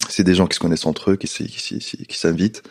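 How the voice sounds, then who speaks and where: A man, a podcast guest speaking casually and haltingly, often restarting and repeating words. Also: low voice, fairly even intonation. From Tunisia. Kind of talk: casual conversation.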